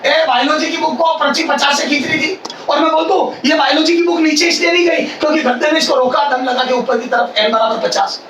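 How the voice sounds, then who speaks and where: A male physics teacher giving a classroom lecture in a loud, near-shouting voice, repeating phrases and quizzing his students. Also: extremely high pitch, fairly even intonation, fast talker. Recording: echoey classroom, mic far off, faint hiss.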